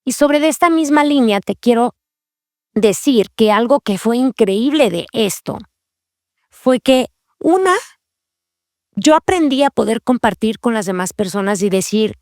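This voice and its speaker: Earnest woman, higher voice. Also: lively intonation, a little slow, darkish tone, no room sound, clean studio sound. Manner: earnest, confessional, repeats key phrases. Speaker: podcast host.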